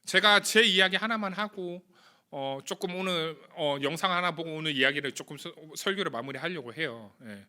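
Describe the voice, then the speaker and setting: A young male youth pastor gives a sermon in a high, very bright voice. He talks to the teenagers with earnest, confessional emotion, and his voice rises with feeling. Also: normal speed, clear, resonant tone. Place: church or home studio for online youth service.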